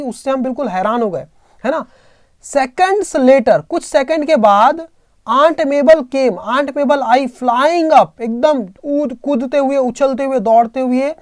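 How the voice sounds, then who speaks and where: A woman's voice: high-pitched, a little mellow, no echo, clean studio sound. A woman teaching an English lesson, reading a phrase and then explaining it with questions, and calling her students "beta".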